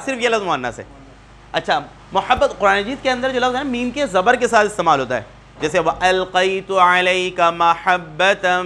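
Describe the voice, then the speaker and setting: A man's voice: high-pitched, pushed and bright, slight background noise. A man teaching a Quran vocabulary class, patiently drilling students word by word and correcting their pronunciation. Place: neighbourhood class room.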